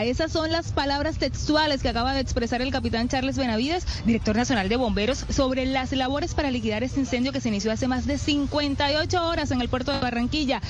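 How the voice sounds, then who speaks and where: A woman giving a live radio news report as a field reporter. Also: high-pitched.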